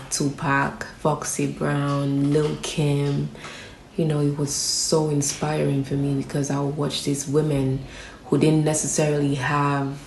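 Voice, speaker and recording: A young woman from Nigeria, a rapper, speaks in a deep, flat, gravelly voice. She answers steadily and thoughtfully, pressing harder when she states an opinion. The room is echoey, with a faint hum of ambience behind her. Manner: reflective, steady, grows emphatic on strong opinions. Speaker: rapper interviewed as guest. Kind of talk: relaxed interview answers. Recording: roomy echo with faint background ambience.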